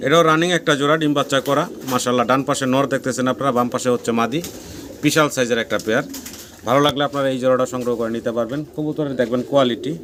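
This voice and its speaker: A man with a Bangladeshi Bengali accent talks at a breakneck pace, steady in pitch, as he walks through a farm. Pigeons coo loudly around the noisy recording. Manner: rapid patter, repeats prices, frequent blessings. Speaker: pigeon seller channel host. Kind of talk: fast walkthrough sales tour. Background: pigeons cooing.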